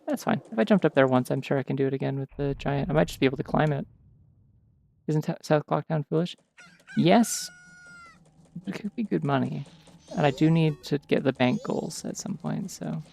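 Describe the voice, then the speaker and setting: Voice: mid-range voice, expressive, normal speed, vocal fry, a little mellow, soft background music. A streamer giving casual gameplay commentary late at night, tired, rambling with lots of "like" fillers.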